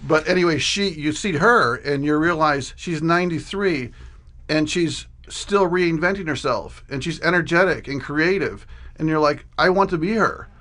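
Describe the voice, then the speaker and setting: A man's voice: fairly high pitch, normal speed, bright, forceful tone. A man in his sixties speaking casually as an interview guest, sharing recollections. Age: 60s.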